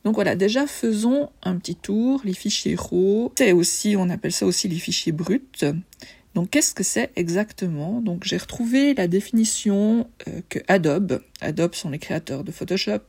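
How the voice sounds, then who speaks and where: A woman's voice: medium pitch, normal speed, creaky, a little mellow, breathy edge. A woman with a lisp on her s sounds, explaining things informally and conversationally as a photographer presenting.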